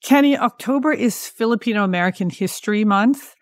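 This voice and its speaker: Woman podcast host, conversational, mid-pitched, dry close mic. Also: a little fast, dry recording. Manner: conversational, asks open questions. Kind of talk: podcast interview.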